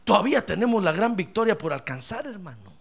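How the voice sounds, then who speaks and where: A man's voice: high-pitched, very animated, quick pace, gravelly, slightly rough. A man preaching a sermon as pastor, calling listeners brother, joking with the congregation and acting out their complaints. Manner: jokes with the congregation.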